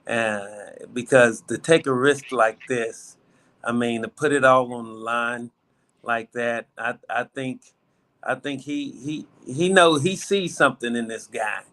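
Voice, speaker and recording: Bright-voiced man calling a sports show. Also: medium pitch, measured pace. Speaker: first-time caller. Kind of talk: casual sports call-in chat.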